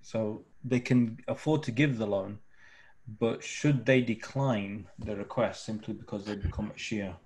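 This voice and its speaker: A man moderating a live Q&A, reading out questions and chatting in a relaxed, good-humoured way. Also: lowish voice, a little slow, rough recording. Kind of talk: reading questions, casual chat.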